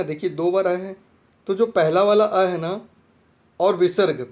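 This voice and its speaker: High-voiced man teaching an exam-prep lesson. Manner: repetitive, checks understanding with "theek hai friend".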